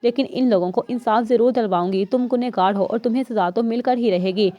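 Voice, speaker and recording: A woman's voice: fairly high pitch, dark tone, dry recording, lightly acted. A woman reading the part of a defiant young secret agent in a storybook reading, accusing and unafraid. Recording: dull, slightly lo-fi dry recording.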